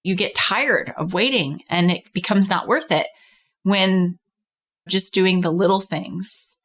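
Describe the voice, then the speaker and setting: A woman's voice: mid-range voice, slow, fairly bright tone. A woman hosting a business coaching podcast, chatting casually and encouragingly with a guest. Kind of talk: casual interview chat.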